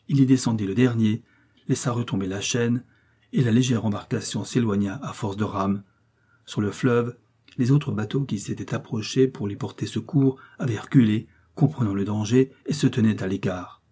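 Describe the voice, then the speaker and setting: A man reads a classic novel aloud in a measured, steady manner. His voice is low, dark and mellow, with a husky grain. He keeps an even storytelling pace. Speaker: audiobook narrator. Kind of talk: literary audiobook narration.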